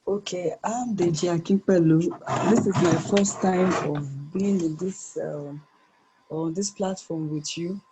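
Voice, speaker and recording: A woman's voice: fairly low pitch, measured pace, background noise. A woman speaking over an online group voice call as a guest participant, earnest and given to repeating and restating her phrases in spontaneous remarks. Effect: heard over an online group voice call. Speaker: guest participant giving feedback.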